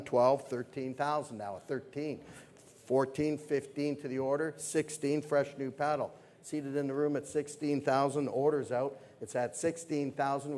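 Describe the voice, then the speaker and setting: A man's voice: medium pitch, darkish tone. A man working as a fine art auctioneer, calling bids in a repetitive, salesmanlike patter at a live sale. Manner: brisk salesman's patter, repeating numbers. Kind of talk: live auction calling with repeated bid figures.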